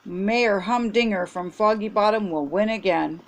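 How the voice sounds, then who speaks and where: A woman's voice: mid-range voice, measured pace, dull audio, lightly acted. An older woman reading aloud, voicing a nervous, fretting woman mayor in a storybook. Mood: worried. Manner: worried, fretting.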